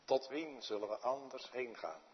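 A man preaching a sermon in a church, slow and dramatic, with sudden hushed drops. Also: mid-range voice, expressive, highs cut off. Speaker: pastor.

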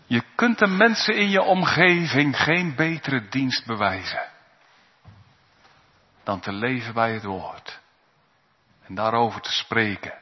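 A man delivers a sermon with slow, deliberate pacing and a slightly husky voice. He moves between hushed low asides and raised, earnest appeals. The sound is dull and lo-fi, with a long reverb as in a large church hall. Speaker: preacher.

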